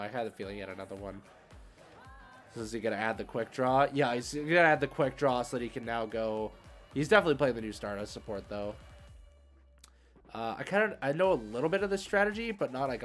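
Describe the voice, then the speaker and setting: A man with a medium-pitched, fairly bright voice hosts a casual livestream of a card game, commenting as he plays. He thinks aloud in an easygoing, somewhat hesitant way.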